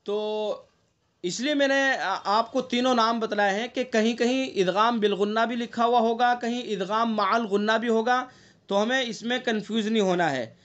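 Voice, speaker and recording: A man's voice: very high-pitched, fairly bright tone, dull audio. A man teaching an online Quran recitation class, explaining rules patiently, often checking with the students and sounding out the nasal examples himself.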